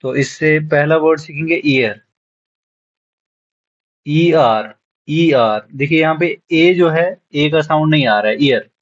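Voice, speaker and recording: A man's voice: a little high, normal speed, few pauses, lo-fi sound. A man teaching a beginners' lesson, spelling out words letter by letter and repeating them patiently. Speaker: shorthand teacher. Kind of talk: classroom lesson.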